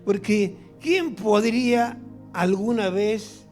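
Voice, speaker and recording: A middle-aged man with an Argentine accent, preaching a sermon as pastor in an animated, humorous way that acts out little scenes. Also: high-pitched, slow, faint music behind. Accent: Argentine Spanish.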